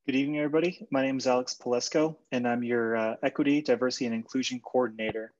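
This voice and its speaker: A young man giving a measured, slightly formal introduction at a student club meeting over a video call. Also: mid-range voice, fairly even intonation. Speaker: equity coordinator. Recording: dull lo-fi video call audio.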